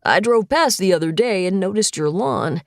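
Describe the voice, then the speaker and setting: A woman's voice: mid-range voice, lively intonation, normal speed, no echo, studio quality, close to an everyday voice. A woman voicing a cheerful older grandfather calling out to his family in an audiobook. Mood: jovial.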